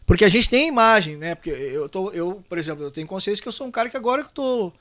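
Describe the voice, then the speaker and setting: A young man with a southern Brazilian gaúcho accent, chatting quickly and animatedly as a guest on a podcast. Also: high-pitched, no echo. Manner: quick and animated, full of fillers like bah and né. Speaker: guest musician. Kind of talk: casual podcast chat.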